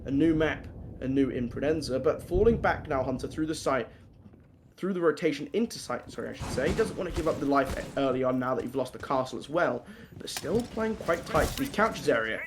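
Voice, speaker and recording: Lively in intonation and fairly quick, this medium-pitched man calls a tactical shooter esports match play by play. He fills the gaps between plays with chatty, self-deprecating banter alongside his co-caster, over a broadcast full of noisy game sound.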